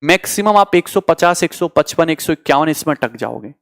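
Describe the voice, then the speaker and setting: High-voiced teacher explaining exam maths. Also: male voice, expressive, a little fast, creaky. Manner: teasing, chatty, answers student comments. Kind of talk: online exam coaching lecture.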